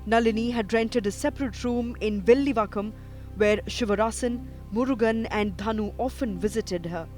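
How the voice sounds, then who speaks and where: A man reading a scripted news documentary narration in a measured, even way. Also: high voice. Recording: voice-over with music behind.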